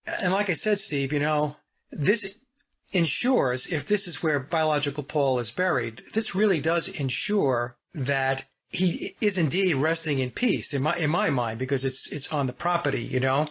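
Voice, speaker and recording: A man from the United States hosting a podcast, speaking deliberately, guiding the talk and addressing his listeners directly. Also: fairly high pitch, fairly bright tone, breathy edge. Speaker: podcast host. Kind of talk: casual podcast interview. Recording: dull lo-fi audio.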